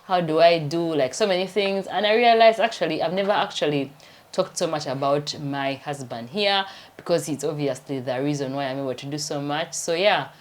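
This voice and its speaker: A Ugandan woman in her thirties, a doctor who vlogs, chats casually at home with a Ugandan accent, laughing often and rambling. Her voice is deep and her speed normal.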